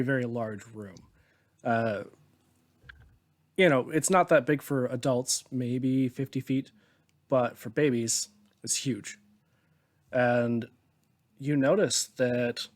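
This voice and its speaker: A mid-range male voice narrates scenes as game master of a tabletop game, relaxed and descriptive, chuckling often.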